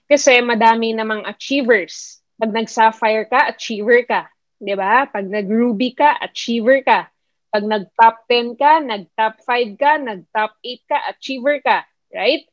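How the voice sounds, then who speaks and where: A woman's voice: a little high, no room sound, dull audio. A woman with a Filipino accent giving a motivational talk online as a mentor, mixing English into her speech and often putting questions to her listeners. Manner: repetitive, questioning the audience; mixes English into Tagalog. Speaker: network marketing mentor.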